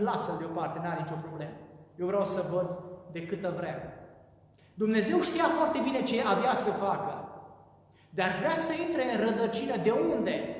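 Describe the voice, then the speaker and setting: A male priest delivering an impassioned sermon, swinging between urgent raised passages and hushed low phrases. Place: large church. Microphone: distant from the microphone. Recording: very echoey church hall, voice from far off.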